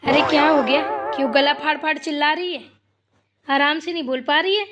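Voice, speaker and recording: A woman voicing a bossy village mother-in-law in a cartoon, brusque while calming her daughters-in-law. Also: high voice, brisk, over loud music, lightly acted. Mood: scolding. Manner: brusque, placating. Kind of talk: Hindi cartoon dubbing.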